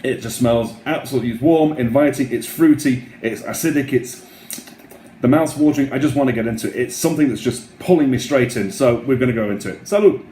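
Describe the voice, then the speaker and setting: Mellow-voiced man in a roomy, echoey space. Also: mid-range voice, a little fast. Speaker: wine tasting host. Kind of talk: casual wine tasting commentary. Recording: roomy echo, faint background noise.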